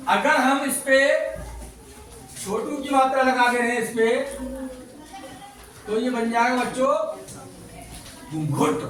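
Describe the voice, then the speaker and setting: A man's voice: extremely high pitch, steady tone, takes it slowly, pauses often, fairly bright tone. A male teacher giving a classroom lesson, quizzing the children and repeating their answers back. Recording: echoey classroom from far off.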